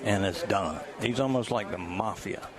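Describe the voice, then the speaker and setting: A man's voice: on the low side, moderate pace. A man giving casual color commentary on a football game. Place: stadium press booth. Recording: crowd noise behind.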